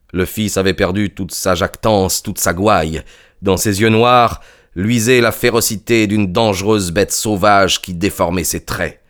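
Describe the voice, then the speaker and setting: A male audiobook reader narrates a classic mystery in a measured, steady way. His voice is fairly low and his pacing calm and even, suited to literary narration.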